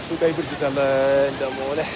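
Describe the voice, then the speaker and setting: A man's voice: medium pitch, flat delivery, fairly quick. A man with a Malayali accent giving casual, exclamatory vlog commentary, mixing English words into his Malayalam and repeating short phrases. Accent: Malayali, from Kerala. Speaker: travel vlogger on a group trek. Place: outdoors on a rural hill trail. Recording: noisy outdoors, wind and vehicle noise.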